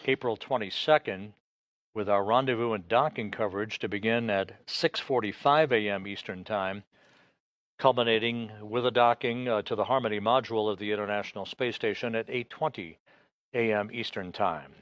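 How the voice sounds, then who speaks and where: A man with a fairly low voice delivers live mission control commentary. He is official and measured, pausing hesitantly as he goes. The sound is dry and slightly dull, like band-limited broadcast audio. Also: fairly bright tone, no echo.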